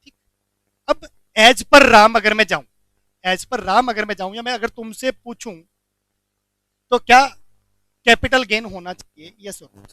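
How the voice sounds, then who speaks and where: Animated high-voiced man lecturing students. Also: measured pace, pauses often, dry recording. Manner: animated, asks students questions and answers them. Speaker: commerce lecturer. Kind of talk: classroom lecture.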